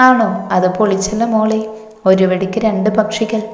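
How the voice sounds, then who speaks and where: A man's voice: high voice, fairly even intonation, moderate pace, faint music behind, close to an everyday voice. A woman voicing a scheming young man who gloats and sweet-talks in a storybook reading, in an echoey room. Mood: gloating. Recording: echoey room with long reverb.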